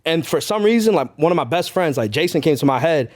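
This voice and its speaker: A young man, telling stories as a podcast guest in a loose, animated way, with lots of "like" and "bro". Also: a little high, quick pace, heavy background noise. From Chelsea, Massachusetts. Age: young adult. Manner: animated storytelling, heavy use of "like" and "bro". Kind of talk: casual interview chat.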